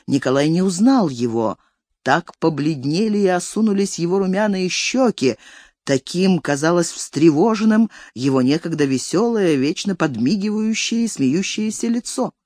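A reader narrating a classic novel in an expressive, storytelling manner, recorded on a close studio mic. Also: medium pitch, normal speed, dry recording. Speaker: audiobook reader.

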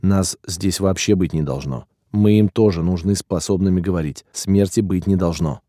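A man voicing a calm, protective otherworldly guardian who speaks quietly and gravely in an audiobook. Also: sits low, normal speed, no room sound, clean studio sound. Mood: solemn.

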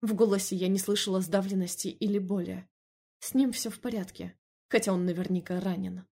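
A woman narrating a first-person novel in an even, measured reading voice. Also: medium pitch, vocal fry, slightly rough. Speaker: audiobook narrator.

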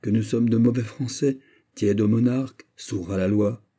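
A man's voice: lowish voice, steady tone, normal speed, dark tone, close to an everyday voice. A man voicing a cautious, earnest scholar who raises worried objections in an audiobook. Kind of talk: audiobook character voice.

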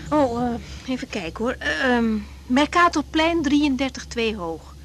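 In a naturalistic Dutch radio drama, an actress voices a young woman doctor who is frank, caring, and easily thrown. Her high voice has lively intonation and a slightly bright, exaggerated quality, delivered without hurry. She sounds animated and confiding, speaking informally with hesitations and repeated words.

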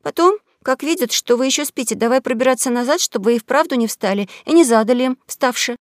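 A woman's voice: high voice, quick pace, no room sound, voice pushed up, lightly acted. Woman doing a raised-voice young boy, eager, innocent-sounding, wily, dry close sound. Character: cunning quick-witted young boy.

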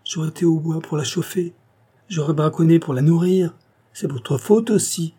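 A man's voice: medium pitch, a little fast, warm tone, husky, lightly acted. A man voicing a simple-hearted young village man, plaintive, earnest and tearful. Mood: grieving.

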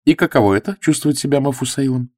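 A man voicing a cheerful, sharp-tongued young woman who teases with sarcasm. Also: medium pitch, big pitch swings, quick pace, slightly rough, no echo, clean studio sound, pitched above the performer's own voice. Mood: teasing. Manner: teasing, sarcastic.

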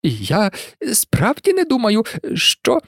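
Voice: medium pitch, huge pitch swings, slow, no room sound, studio quality, pitched above the performer's own voice, exaggerated voice. A narrator voicing a vain grown male wizard teacher who stammers and sounds nervous.

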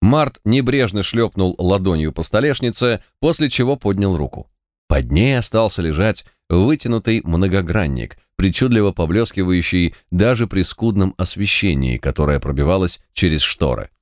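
A man narrating an audiobook in an even, steady storytelling manner. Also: low-pitched, moderate pace, no room sound, clean studio sound.

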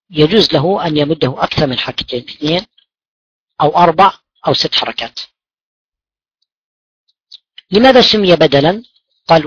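A man's voice: fairly high pitch, fairly bright tone, husky, dry recording. A man teaching Quran recitation rules, patiently posing questions and answering them himself, repeating key words. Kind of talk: explaining tajweed rules. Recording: dull lo-fi dry recording.

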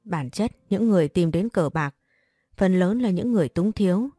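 A woman narrating an audiobook-style story for her channel in a measured, calm way. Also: lowish voice, dry recording. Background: faint music.

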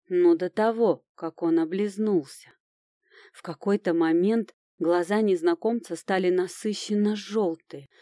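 Женщина размеренно читает аудиокнигу от первого лица. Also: female voice, mid-range voice, mellow, no room sound, clean studio sound. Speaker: audiobook narrator. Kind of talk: scripted narration of a fantasy novel.

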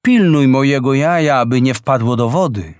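A man voicing a gentle wise frigate bird. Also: mid-range voice, moderate pace, clear, resonant tone, no room sound, studio quality, lightly acted. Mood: earnest.

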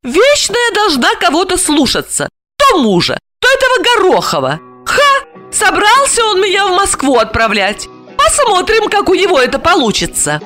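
A woman voicing a fiery, sharp-tongued young woman in an audiobook story, speaking in shrill, emphatic outbursts. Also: huge pitch swings, moderate pace, faint music behind, full character voice. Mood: defiant.

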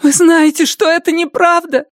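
An audiobook narrator voicing a teenage girl who is tearful and pleading, then icily defiant, in a high, strained voice. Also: level tone, moderate pace, no room sound, studio quality. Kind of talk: audiobook reading.

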